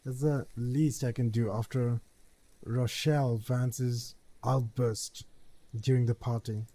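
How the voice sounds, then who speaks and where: A man's voice: mid-range voice, steady tone, slow, warm tone. A man casually reading game text aloud, often stumbling over words and restarting them.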